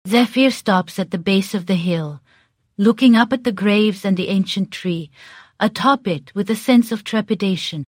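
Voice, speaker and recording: A woman reading her character's part of a role-play story in a clear, even way. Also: mid-range voice, moderate pace, no echo, studio quality. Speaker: player narrating her character.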